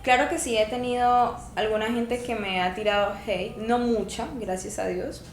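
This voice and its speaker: A woman in her twenties with a Colombian Spanish accent co-hosts a podcast, chattily telling her own stories in casual conversation and laughing often. Her voice is on the high side, with a steady tone and normal speed. The room is echoey with faint ambience and slight background noise.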